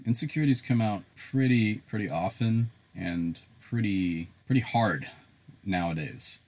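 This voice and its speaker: A young man with a slight Southern drawl, co-hosting a podcast in casual, candid chat, often swearing and trailing off quietly. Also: fairly low pitch, measured pace. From South Carolina. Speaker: podcast co-host.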